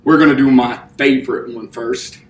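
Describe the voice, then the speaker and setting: A man's voice: medium pitch, fairly even intonation, normal speed. A young man teaching children exercise like a kids show host, with simple repeated cues and questions while moving about. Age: young adult. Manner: physically active while talking. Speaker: elementary P.E. teacher. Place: indoor classroom. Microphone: distant camera microphone. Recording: roomy, distant mic, faint noise.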